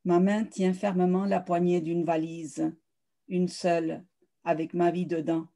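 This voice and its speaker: Woman, poet reading her own work, even and level delivery, warm dark tone. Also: lowish voice, unhurried. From South America. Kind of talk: poetry reading.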